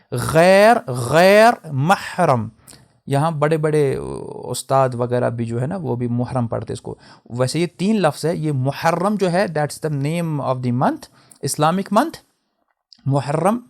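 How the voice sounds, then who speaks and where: A young man delivers a religious lecture in a noticeably high voice. He explains each term with care and contrasts how words are pronounced. He slips into English phrases as he teaches. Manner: explanatory, switches into English mid-sentence; spells out and contrasts word pronunciations. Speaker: Islamic teacher.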